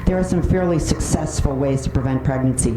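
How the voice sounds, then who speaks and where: A woman whose voice sits low speaks fairly quickly, giving a prepared, earnest, pointed comment to a public meeting. The setting is an indoor meeting room. Captured from a distance, the sound is roomy and noisy, with clicking.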